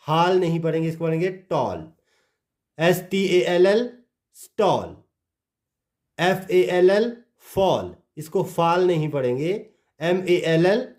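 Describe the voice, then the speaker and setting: A man's voice: fairly high pitch, darkish tone. A man teaching English pronunciation, spelling out words letter by letter and dropping his voice at the ends of phrases. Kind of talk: slow spelled-out phonics lesson.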